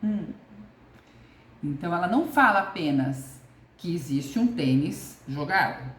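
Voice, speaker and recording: A woman's voice: on the low side, lively intonation, a little slow. A woman coach with a Brazilian Portuguese accent giving a casual video lesson, reflective and repeating her key questions. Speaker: communication coach. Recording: echoey room with faint ambience.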